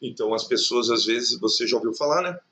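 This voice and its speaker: A man's voice: medium pitch, animated, brisk, bright, forceful tone. A man teaching an exam review lesson, explaining each answer step by step and checking in with the listener.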